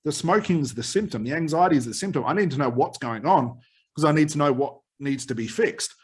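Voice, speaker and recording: A man with a slightly husky voice giving an informal, explanatory lesson as a therapy trainer, rephrasing his key points as he goes. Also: on the high side, animated, fairly quick. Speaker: hypnotherapist trainer.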